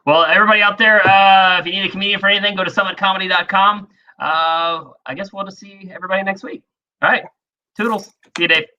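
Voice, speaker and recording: A man's voice: high-pitched, fairly even intonation, fast talker, sharp tone. A male podcast host in casual chat, laid back, giving short agreeing replies and wrapping up the show. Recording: dull lo-fi call audio.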